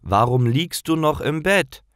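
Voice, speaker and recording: A man voicing a caring mother, gentle and worried, speaking slowly and clearly in a softly raised voice. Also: on the high side, expressive, no room sound, clean studio sound, pitched above the performer's own voice.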